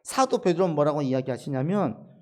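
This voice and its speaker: A middle-aged male pastor preaching a sermon, dropping to soft low asides and then rising into emphatic, acted-out quotations. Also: animated, brisk.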